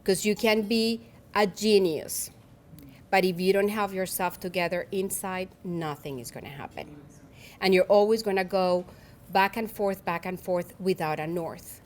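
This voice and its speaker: A woman in her forties with a Colombian Spanish accent gives a personal keynote speech at a luncheon. Her medium-pitched voice is a little slow and a little mellow, and she speaks earnestly and reflectively, often restarting her phrases.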